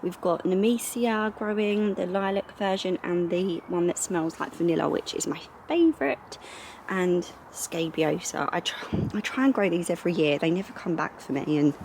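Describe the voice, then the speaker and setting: A woman's voice: on the low side, darkish tone, slight background noise. A young woman in casual vlog chat, rambling with lots of fillers, filmed at home on a handheld camera. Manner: chatty, rambling, many fillers. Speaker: lifestyle vlogger. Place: indoors at home.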